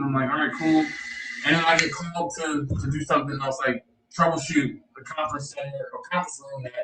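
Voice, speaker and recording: A man from Philadelphia hosting a casual live stream, telling a rambling story with lots of fillers, his voice muffled and echoing as if in a tunnel. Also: fairly high pitch. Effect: muffled echoing tunnel-like audio. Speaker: livestream host. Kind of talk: casual chat. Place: outdoors near a pellet smoker. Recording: echoey distant stream audio with crowd noise.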